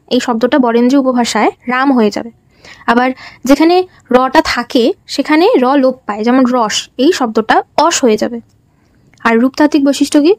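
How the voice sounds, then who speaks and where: A young adult woman from West Bengal, India, presents a lesson as a student teacher, her voice high and free of any echo. She explains things in a steady pattern of questions followed by answers.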